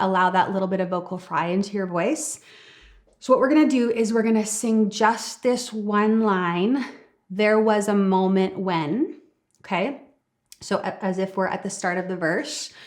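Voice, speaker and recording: An upbeat woman vocal coach leads a singing lesson and speaks straight to her students. She is encouraging and breaks off now and then to sing short demonstration lines. Faint instrumental music plays underneath. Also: medium pitch.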